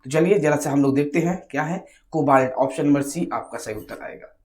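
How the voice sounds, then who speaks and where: A man's voice: fairly high pitch, brisk. Man repeating questions as he teaches. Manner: repetitive, keeps asking rhetorical questions then answering; addresses viewers directly in a coaching tone. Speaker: exam coaching teacher. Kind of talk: exam question walkthrough lesson.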